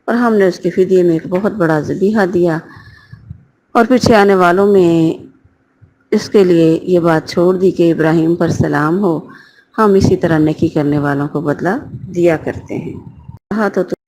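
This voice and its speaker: A woman's voice: fairly low pitch, a little mellow, a little hiss or hum, low-quality recording. A woman giving a word-by-word translation and tafsir lesson, reading each Arabic phrase and then glossing it. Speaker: Quran teacher.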